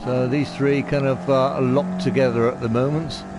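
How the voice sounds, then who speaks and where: A man giving amateur online racing commentary in a halting, polite and understated way. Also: mid-range voice, fairly even intonation. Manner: hesitant, halting delivery. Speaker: race commentator. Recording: loud car engine noise behind. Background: racing car engines.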